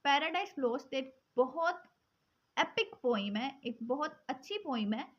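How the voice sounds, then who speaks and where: A woman teaching English poetry forms, switching between Hindi-Urdu and English and reading English definitions slowly. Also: high voice, animated. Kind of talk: explaining poetry forms in a lesson. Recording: dull lo-fi sound.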